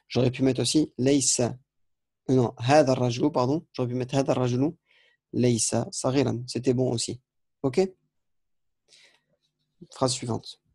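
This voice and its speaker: Dry, mellow-voiced man teaching grammar. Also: mid-range voice, dry recording. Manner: explanatory, repeats and corrects himself. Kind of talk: recorded lesson correcting exercises.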